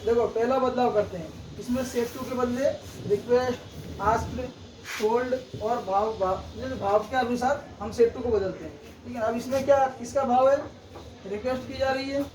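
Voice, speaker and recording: A man's voice: very high-pitched, moderate pace. A man teaching a grammar lesson step by step, checking in with "theek hai" after almost every point. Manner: explains step by step, repeats "theek hai" often. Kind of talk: classroom-style grammar lesson. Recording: echoey room, distant mic, background noise.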